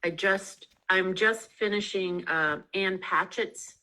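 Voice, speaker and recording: A woman's voice: mid-range voice, takes it slowly, pushed and bright, low-quality recording. A woman author being interviewed over a video call, talking in a chatty way with many ums and restarts. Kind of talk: casual interview chat. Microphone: video call mic.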